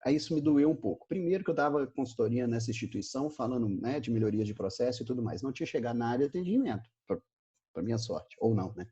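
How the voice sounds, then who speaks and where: A man's voice: mid-range voice, fast talker, dark tone, breathy edge, lo-fi sound. A man with a Brazilian Portuguese accent giving a virtual business talk, telling a story and acting out the dialogue with animation. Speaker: speaker.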